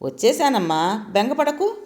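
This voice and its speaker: A soft, soothing young woman from a storybook reading, as a woman narrator voices her. She speaks gently and reassuringly, her voice at a plain middle pitch. The tone stays tender and calm throughout. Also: moderate pace, close to an everyday voice. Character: young woman comforting her frightened mother.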